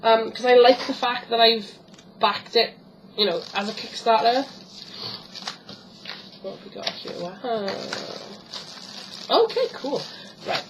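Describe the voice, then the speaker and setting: A woman's voice: a little high, takes it slowly, long pauses, noisy background. A woman chatting casually as she unboxes a tarot book, rambling with many ums and self-corrections. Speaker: tarot vlogger.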